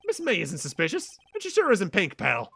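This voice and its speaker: A man's voice: high voice, huge pitch swings, moderate pace, creaky, pushed and bright, breathy edge, no room sound, pitched above the performer's own voice, exaggerated voice. A man voicing a blustering, scruffy police detective with a put-on Southern drawl, calling everyone pal. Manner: folksy, keeps calling people pal.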